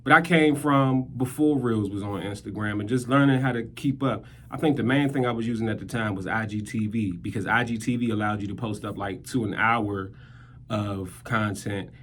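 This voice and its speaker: A man's voice: lowish voice, normal speed. A man, a skit creator and rapper, telling a casual story in a laid-back, slangy way. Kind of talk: casual talking-head storytelling.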